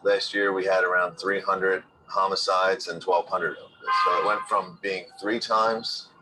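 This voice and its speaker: A man's voice: sits low, flat delivery, measured pace, loud music behind the voice, poor audio. A man talking casually and matter-of-factly as a local guide in a documentary interview. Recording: noticeable street or vehicle noise.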